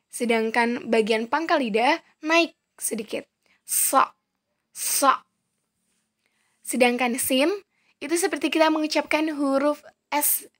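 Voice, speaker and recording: A woman teacher with a high voice leads a recorded lesson. She speaks slowly and patiently, saying each word carefully twice for her students to copy. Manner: slow, careful modeling of pronunciation, repeating each word twice; patient, explanatory, addressing students as friends. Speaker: Arabic teacher.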